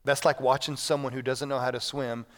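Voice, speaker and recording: A man, a pastor preaching a sermon, moving between hushed moments and loud appeals. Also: mid-range voice, level tone, brisk. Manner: preaching with big swings between quiet and loud. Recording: long reverb of a hall.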